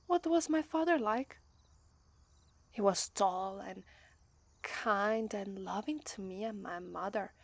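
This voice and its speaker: In this ASMR roleplay, a voice actress from Italy, speaking with an Italian accent, plays a shy and affectionate young demon princess bride in a wistful mood. Her mid-range voice is slow and gentle with long pauses, frequently dropping to a whisper, and she stumbles and starts over when nervous. The recording is dry.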